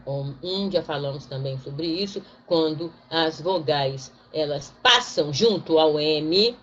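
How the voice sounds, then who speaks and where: A woman's voice: low voice, a bit bright. Woman teacher explaining patiently. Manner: explains step by step, checking in with "tá?" and "né?"; slows down to spell out example words one by one. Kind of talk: recorded online grammar lesson. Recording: dull lo-fi recording, faint noise.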